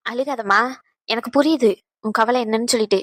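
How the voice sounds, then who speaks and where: A woman voicing a motherly older aunt in a cartoon, who comforts and gently scolds. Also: a little high, racing, no echo. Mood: soothing. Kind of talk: cartoon dubbing.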